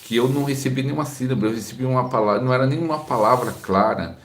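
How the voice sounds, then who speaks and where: A man's voice: mid-range voice, racing, roomy sound. A man with a Brazilian Portuguese accent, a pastor preaching live and reading viewer comments aloud while encouraging the people who wrote them.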